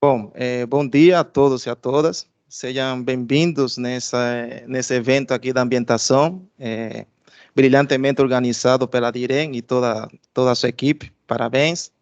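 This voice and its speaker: A man's voice: mid-range voice, steady tone, normal speed, darkish tone, clean tone, muffled recording. A man from Cuba with a Cuban Spanish accent, a research director giving a formal institutional presentation, hesitating often with filler sounds and restarts.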